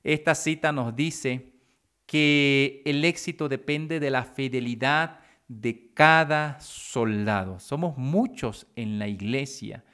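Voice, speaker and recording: A man preaching as a pastor, teaching a lesson on leadership, reading quotations slowly and rising emphatically on key words. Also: mid-range voice, fairly bright tone, clear, resonant tone. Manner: slow, deliberate delivery, reading quotations aloud.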